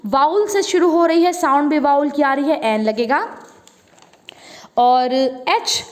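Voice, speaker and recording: A woman with an Indian accent teaching English grammar to children, explaining each rule slowly and repeating words so they can be practised. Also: high voice, in a large hall. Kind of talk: classroom lesson.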